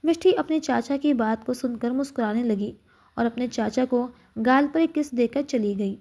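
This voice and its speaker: Woman narrator for emotional audio stories, high soft voice, steady expressive delivery. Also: normal speed. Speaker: storyteller.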